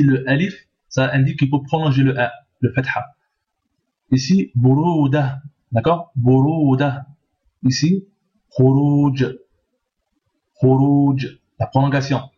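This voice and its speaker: A man's voice: medium pitch, a little mellow, dull audio. A man teaching a step-by-step language lesson, patiently repeating each word and checking that the listener follows. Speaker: Arabic teacher.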